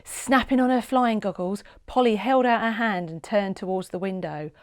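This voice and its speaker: A woman with a mid-range voice reads a children's storybook aloud in an expressive, dramatic style, phrasing each line deliberately. The recording is studio quality with no echo.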